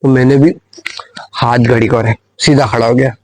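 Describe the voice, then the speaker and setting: A man's voice: medium pitch, fairly even intonation, normal speed, darkish tone, dry recording, rough recording. A young man telling a school story on a phone in a casual comic vlog, rambling with many fillers and repeated phrases. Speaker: vlogger.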